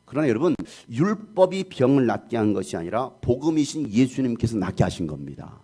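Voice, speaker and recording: A middle-aged man preaching a sermon as pastor, animated, often acting out the voices of the people in the story. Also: medium pitch, brisk, breathy edge. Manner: animated, acts out quoted voices.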